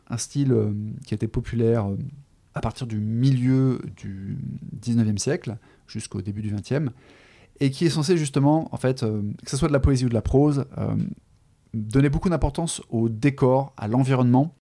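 A man hosting a podcast, chatting casually about a book, pausing often with fillers and restarting his sentences. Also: mid-range voice, dark tone. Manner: hesitant, many fillers and restarts, chatty asides. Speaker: podcast host. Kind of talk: casual literary chat.

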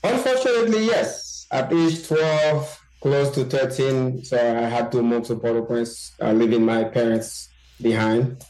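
A man from Haiti, a journalist guest in an interview, talking haltingly with many fillers and restarts. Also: medium pitch, a little mellow. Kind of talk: interview conversation. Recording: roomy echo.

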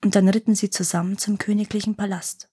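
A woman telling a fairy tale in a calm, expressive storybook reading. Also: medium pitch, fast, breathy edge.

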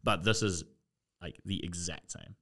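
A man's voice: deep voice, a little slow, a bit bright. A man chatting loosely as a podcast co-host, rambling with lots of fillers and swearing. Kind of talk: casual chat.

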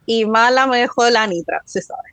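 A woman's voice: on the high side, normal speed, fairly bright tone, no echo. A woman co-hosting a casual review chat. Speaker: podcast co-host.

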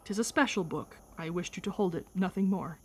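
A man's voice: high-pitched, fairly quick, husky. A woman reading a playful old-fashioned countryman. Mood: serious. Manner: archaic, theatrical phrasing. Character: teasing old-fashioned village man, archaic speech.

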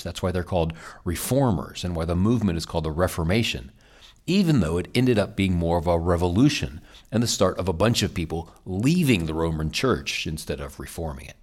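A man hosting a history podcast, narrating a scripted episode as a lively storyteller with dramatic emphasis. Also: sits low.

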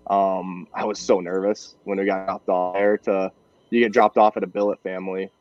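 A man in his twenties from Michigan, a guest on a sports podcast, telling stories in a relaxed, laid-back way. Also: sits low, normal speed, highs cut off. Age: 20s. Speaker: podcast guest, college hockey player. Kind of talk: casual interview chat.

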